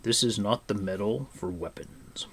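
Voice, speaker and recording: A man voicing a stout, bald old blacksmith who speaks gruffly but kindly in a low, half-whispered voice. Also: measured pace. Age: older.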